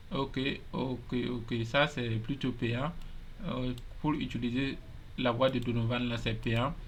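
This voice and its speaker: A man hosting a screen-recorded software tutorial, casually explaining step by step and often repeating himself. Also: mid-range voice, slight background noise. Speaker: tutorial host.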